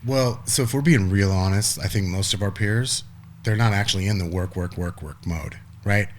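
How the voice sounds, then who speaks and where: Speaking at a normal speed in a low-pitched voice, a man in his forties appears as a podcast guest in casual conversation. There's slight background noise, and his talk meanders with many restarts and an occasional swear word.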